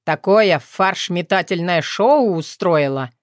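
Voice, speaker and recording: A woman's voice: lowish voice, lively intonation, takes it slowly, dry recording, clean studio sound. A woman reader voicing a teasing, sarcastic young man. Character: mocking joker young man.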